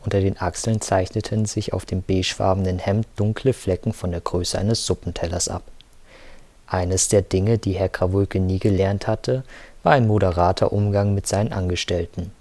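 Deep guy narrating a book, calm measured reading, dry close mic. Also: no echo. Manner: steady, measured storytelling. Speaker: audiobook narrator. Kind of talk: scripted narration.

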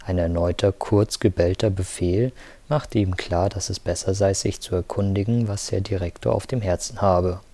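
Deep guy narrating a book, calm measured reading, dry close mic. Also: dry recording. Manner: steady, measured storytelling. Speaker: audiobook narrator. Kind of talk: scripted narration.

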